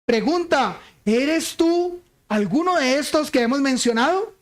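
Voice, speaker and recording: A man preaching a sermon, speaking deliberately and asking the congregation rhetorical questions. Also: very high voice, lively intonation. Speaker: pastor.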